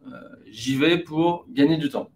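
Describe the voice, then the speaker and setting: A man's voice: fairly high pitch, measured pace, a little mellow. A man hosting a live webinar, upbeat and joking as he puts questions to the experts. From France. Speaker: webinar host.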